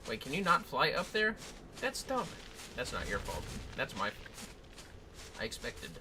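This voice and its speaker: A man hosts a gaming livestream, chatting casually and playfully as he guides another player along. His medium-pitched voice swings hugely in pitch and runs a little slow. Loud game music and effects play behind him, adding background noise.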